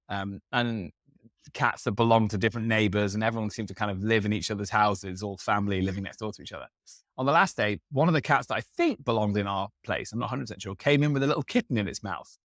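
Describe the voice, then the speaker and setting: This podcast co-host, an Englishman in his thirties, chats loosely and wanders, full of fillers and restarts. His lowish, fairly bright voice has studio quality and no room sound.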